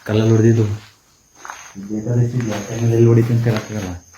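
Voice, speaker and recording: A man with a low, dark voice chats casually as co-host of a haunted-house vlog outdoors at night. Crickets and insects chirp faintly in the background. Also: level tone, fast talker, lo-fi sound, slight background noise. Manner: casual, asks viewers to like and subscribe.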